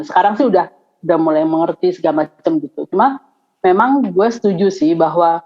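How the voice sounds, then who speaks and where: A woman's voice: lowish voice, dull audio. A woman from Java chatting casually on a podcast panel, with many fillers and restarts. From Java, Indonesia. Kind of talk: casual chat.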